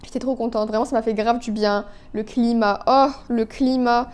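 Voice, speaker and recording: Doing her makeup, a twenty-something beauty vlogger from Canada talks on and on in a casual chat packed with fillers and asides. Her voice is on the high side and darkish, with a level tone and a slightly fast pace, captured on a phone.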